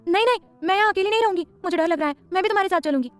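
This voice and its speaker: A woman voicing a frightened, childish young woman who pleads in a high, shrill voice. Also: rapid-fire, soft background music. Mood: pleading.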